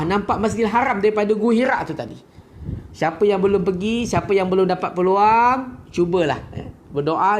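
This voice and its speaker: A man's voice: sits high, slight background noise. A middle-aged man with a Malaysian Malay accent gives an earnest religious lecture, as a religious teacher and pilgrimage guide, sprinkled with pious exclamations.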